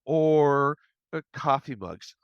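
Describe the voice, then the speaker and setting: A male podcast host asking questions in a casual, halting way and restarting his sentences. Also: fairly high pitch, expressive, smooth, no echo, lo-fi sound. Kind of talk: casual interview chat.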